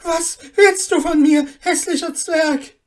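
A woman voicing an angry, frightened market mother who scolds and shouts in a read-aloud fairy tale. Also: very high-pitched, steady tone, takes it slowly, pitched above the performer's own voice. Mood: angry scolding. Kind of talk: storybook reading.

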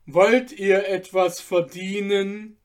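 A man's voice: high-pitched, flat delivery, slow. A man voicing a sly male slave who talks in a coaxing, persuasive way.

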